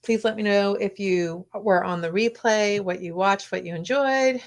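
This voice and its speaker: At a medium pitch and moderate pace, a woman talks casually through a live craft stream, slipping into whispers to her artwork as she works. Her voice is a bit worn; she's losing it and clears her throat.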